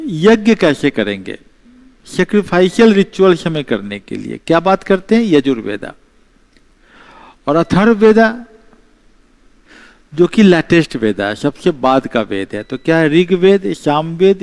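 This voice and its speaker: A male teacher delivers a slow exam-prep history lecture, repeating key terms and slipping in English phrases. His voice is a little high and a little mellow, with some vocal fry.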